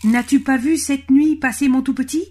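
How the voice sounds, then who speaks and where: A woman's voice: high voice, steady tone, moderate pace, warm tone, voice pushed up, close to an everyday voice. Woman voicing an anxious mother rabbit, loving, pleading, raised voice, storybook.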